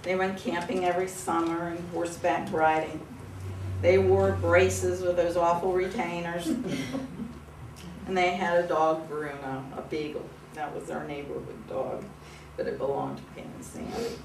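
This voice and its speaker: A woman's voice: fairly low pitch, unhurried, a little mellow. An older woman giving an informal eulogy, telling fond personal stories in a conversational way. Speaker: eulogy speaker at a memorial service. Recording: echoey, distant mic with room noise.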